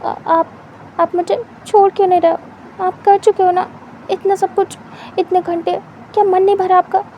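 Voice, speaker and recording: A woman's voice: very high voice, level tone, moderate pace, highs cut off, slight background noise, pitched above the performer's own voice. A woman voicing a shy, flustered young man who protests in a huffy way. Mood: protesting.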